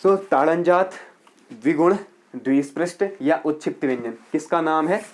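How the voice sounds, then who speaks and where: A male teacher giving a grammar lecture for exam students, explaining step by step, checking in often and slowly repeating words to show how they are pronounced. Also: on the high side.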